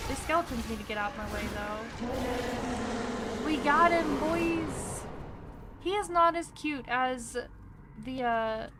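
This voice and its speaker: Slow-talking giggly woman streamer. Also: fairly high pitch. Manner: chatty, giggly, talks to game characters. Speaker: game streamer. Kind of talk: casual gameplay commentary. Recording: game sound noise behind.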